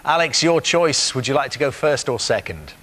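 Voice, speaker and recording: A man's voice: mid-range voice, animated, fairly bright tone. A man hosting a television quiz show, reading questions and chatting with contestants in an upbeat way. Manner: brisk, upbeat, with frequent "uh" fillers. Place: television studio.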